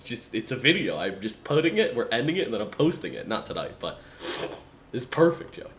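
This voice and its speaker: A man co-hosting a casual sports podcast, excitable and teasing, often calling his co-host by name. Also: on the low side, fast talker, slight background noise. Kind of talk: casual chat. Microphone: video call.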